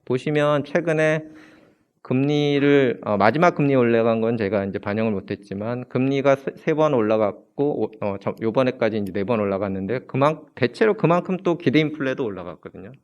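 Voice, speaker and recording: A man presents at an economics seminar and explains his slides in a hesitant, searching way, full of fillers and restarts. His voice sits in a middle pitch. The recording sounds slightly dull and lo-fi. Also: a little fast, a little mellow, clean tone.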